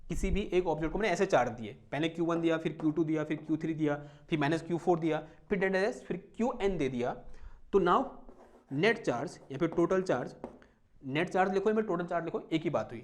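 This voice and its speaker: A man's voice: a little high, expressive. Male physics teacher quizzing his class. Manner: asks the class questions and answers them himself; dictates headings slowly, mixing in English terms. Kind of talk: classroom lecture with live demonstration.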